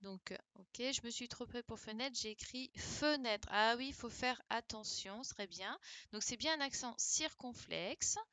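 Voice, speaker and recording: A woman teacher correcting a dictation live for her pupils, patient and encouraging, reading words out slowly. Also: fairly high pitch, pushed and bright, no room sound. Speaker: primary school teacher.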